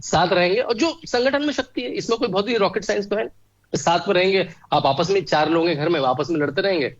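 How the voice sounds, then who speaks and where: A man's voice: high-pitched, fast, no echo, highs cut off. A man speaking as a guest in a conversation, giving emphatic political commentary and stacking up long lists of examples. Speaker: guest, author.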